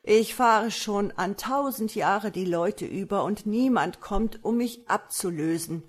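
An ancient, weary ferrywoman who has rowed for ages, as a woman reader puts her on. Her voice is plaintive and slightly husky, in a storybook telling. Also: mid-range voice, takes it slowly.

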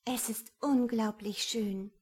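Woman reading a shy young woman in love, higher, breathless, husky tone. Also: fairly even intonation, slow, darkish tone. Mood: wondering. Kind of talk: audiobook character reading.

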